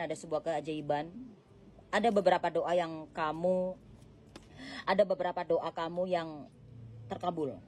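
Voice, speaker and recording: Chatty woman reading tarot cards. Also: fairly high pitch. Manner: gentle, chatty, addresses the viewer directly, laughs often. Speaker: tarot card reader. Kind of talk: casual tarot reading monologue.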